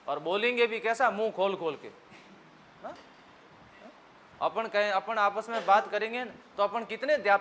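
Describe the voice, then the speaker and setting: Bright-voiced Rajasthani man teaching a class. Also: sits high, a little hiss or hum. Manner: jokey, asks the class questions and answers them himself; mimics regional speech for laughs. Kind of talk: exam-prep memory-trick lesson.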